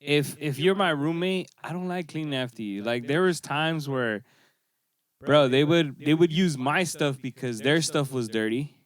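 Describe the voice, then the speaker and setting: A man on a casual podcast, relaxed and rambling, repeating words as he talks. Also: fairly high pitch, moderate pace, no echo.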